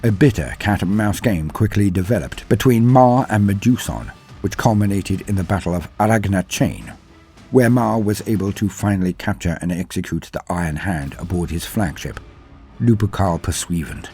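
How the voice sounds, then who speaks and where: Faint music runs beneath this man's scripted lore narration as host of a lore channel. His voice is low and warm, moving at a moderate pace with lively intonation, and he tells the story in a grave, dramatic style.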